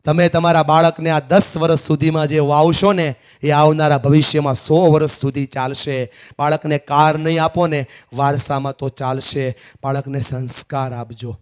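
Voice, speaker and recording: Guy motivational speaker at a seminar, fairly high voice, goes loud then quiet for effect. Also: level tone, moderate pace, clear, resonant tone. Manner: emphatic, swings from loud to hushed. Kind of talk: live motivational seminar speech. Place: large seminar hall with audience.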